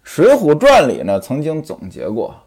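A male storyteller with a lively, swinging delivery and a fairly high voice. He tells a traditional story with chatty asides to the listener. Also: normal speed, breathy edge.

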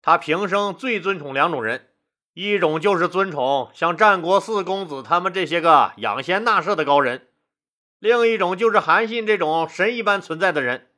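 A man telling history stories as host of an audio show, lively and colloquial with asides. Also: sits high. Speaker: storyteller host. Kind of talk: history storytelling.

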